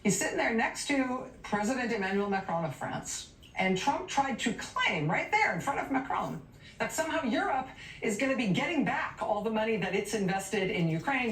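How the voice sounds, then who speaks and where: Woman news host, sardonic and emphatic, lively swooping pitch, heard from a little off-mic in a roomy space. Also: far from the mic, a little hiss or hum. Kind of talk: cable news monologue.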